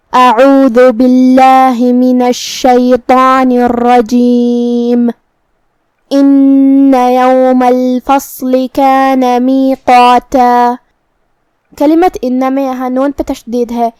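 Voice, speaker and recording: A woman's voice: high-pitched, a little mellow, no room sound. A woman teaching Quran recitation, explaining pronunciation rules one by one in a careful, methodical way. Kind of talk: tajweed lesson with slow recitation.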